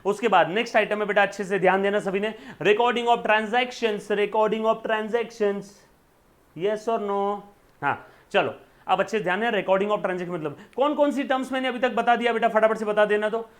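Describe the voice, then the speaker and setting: A man with an Indian accent teaching accounting in a casual lecture, mixing in English terms, reading definitions slowly and often asking "yes or no?". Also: sits high, a bit bright. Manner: coaxing, asks "yes or no?" often; mixes Hindi with English terms. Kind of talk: online classroom lecture.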